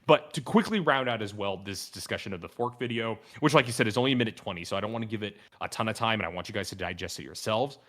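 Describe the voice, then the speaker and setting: A man with a lowish voice hosts a casual podcast review. He speaks earnestly and with enthusiasm, spinning out wordy, analytical thoughts in an informal way. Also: fast talker, hardly any pauses, fairly bright tone. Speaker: podcast host.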